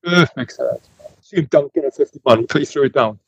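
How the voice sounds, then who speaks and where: A man from the United Kingdom co-hosting a podcast, telling stories in casual chat, excitable and laughing often. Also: mid-range voice, moderate pace, creaky, husky, no room sound, muffled recording. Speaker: podcast co-host.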